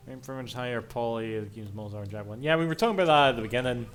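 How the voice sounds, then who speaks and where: A man's voice: medium pitch, very fast. Sweary man chatting over music. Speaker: game streamer. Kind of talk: casual live game commentary.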